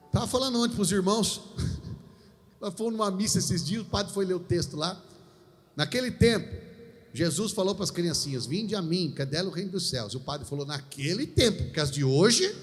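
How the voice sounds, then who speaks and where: A man preaching a lively sermon, telling stories and acting out the dialogue. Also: high voice, long reverb tail. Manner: animated storytelling, acts out dialogue.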